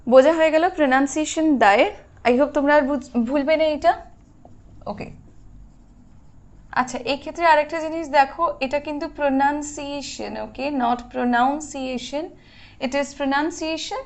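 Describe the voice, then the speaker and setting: A woman with a Bengali accent teaching English grammar, explaining slowly and checking in with her viewers. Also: sits high, fairly even intonation. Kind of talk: grammar lesson.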